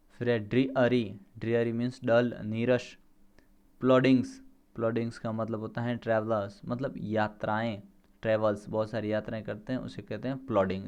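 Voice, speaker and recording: A man's voice: mid-range voice, clear, resonant tone. A male teacher with an Indian English accent runs through a vocabulary list, stressing each new word and then explaining it plainly. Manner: spells words out letter by letter.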